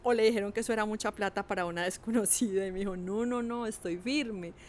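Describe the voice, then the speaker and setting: A middle-aged woman, telling a personal story in a lively, animated way with acted quotes. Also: medium pitch, fast, slight background noise. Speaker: podcast guest. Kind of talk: casual storytelling.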